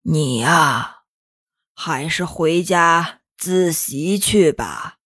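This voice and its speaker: Woman doing a slow, deep old goat teacher. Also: a bit bright, breathy edge, no room sound, clean studio sound, full character voice. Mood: stern. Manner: slow, weighty, scolding.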